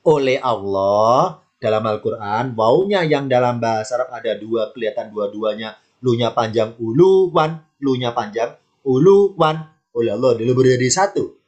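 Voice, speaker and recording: A man's voice: medium pitch, normal speed, dull audio. A male Arabic grammar teacher, leading an online Quran lesson. He explains patiently, repeats key words and answers the questions he puts to himself.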